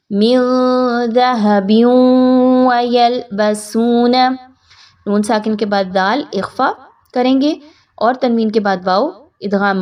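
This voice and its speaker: A woman teaching Quran recitation, giving brisk explanations and then reciting verses slowly with long drawn-out notes. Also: mid-range voice, darkish tone, distant mic. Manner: alternates brisk Urdu explanation with slow drawn-out Arabic recitation. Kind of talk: tajweed lesson, explaining and reciting.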